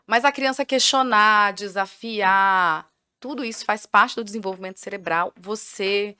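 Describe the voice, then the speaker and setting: A woman's voice: medium pitch, measured pace, pushed and bright. A Brazilian woman in her thirties, a podcast guest explaining parenting in earnest with everyday examples. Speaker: journalist and parenting educator guest. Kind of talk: casual podcast conversation.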